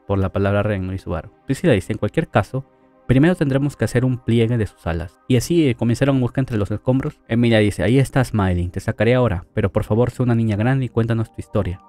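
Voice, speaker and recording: A man's voice: mid-range voice, quick pace, dark tone, soft background music. A man casually retelling an anime story, reading out the characters' lines and adding chatty asides. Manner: chatty, adds asides and fillers. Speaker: anime story recap narrator.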